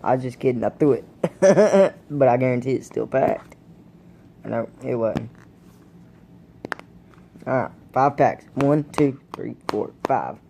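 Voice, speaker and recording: Slow-talking man with hiccups. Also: mid-range voice, creaky, dark tone, slight background noise. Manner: laid-back, rambling, addresses viewers as guys. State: has the hiccups. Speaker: vlogger reviewing dip tobacco. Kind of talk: casual vlog chat. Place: indoors at home, camera propped on a blanket.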